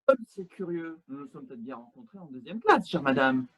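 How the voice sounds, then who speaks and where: A man playing a stiffly polite English gentleman in an absurdist stage scene, speaking in a halting, ceremonious way over a video call. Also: on the high side, very animated, breathy edge, heavily acted, rough recording. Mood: formal. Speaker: amateur actor.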